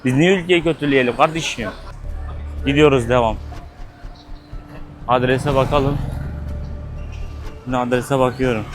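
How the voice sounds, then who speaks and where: A man filming a travel vlog on a busy street, talking straight to his viewers with shocked exclamations and swearing. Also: medium pitch. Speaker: travel vlogger. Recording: faint street noise behind.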